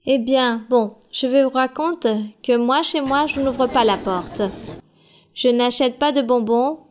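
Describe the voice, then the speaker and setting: Woman answering questions in a firm, steady tone. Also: high-pitched, slow pace, slight background noise. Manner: calm, direct, instructive. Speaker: church leader answering questions. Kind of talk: Bible study question-and-answer.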